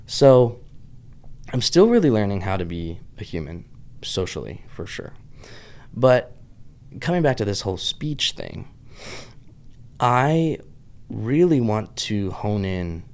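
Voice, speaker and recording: A Pittsburgh vlogger in his thirties rambles through a casual monologue, hopping between tangents and saying "like" constantly. His accent has a Southern US touch. His fairly low, slightly mellow voice is very animated but slow, with frequent pauses.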